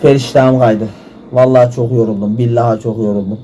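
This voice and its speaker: A man giving frustrated gameplay commentary, swearing and shouting at the game. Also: medium pitch, steady tone, a little fast, a little hiss or hum. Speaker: gaming YouTuber. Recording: music loud behind voice.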